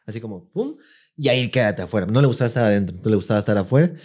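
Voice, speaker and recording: A Mexican man tells a story in rapid, casual chat, jumping up into higher voices whenever he acts out what people said. His voice is dark and mellow, and his talk is packed with slang. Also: slightly rough. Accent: Mexican Spanish. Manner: animated, acts out quotes in raised voice, heavy slang. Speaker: podcast co-host.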